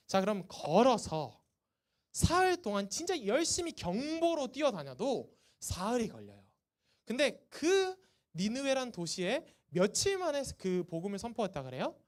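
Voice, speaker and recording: A woman's voice: medium pitch, darkish tone. A woman preaching to a youth group at a church service. She keeps asking the students questions and then answers them herself. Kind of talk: sermon to teenagers.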